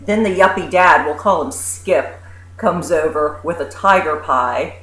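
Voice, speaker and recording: A woman co-hosting a comedic rant, trading snarky, deadpan quips. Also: sits low, a little slow, reverberant, poor audio. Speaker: co-host.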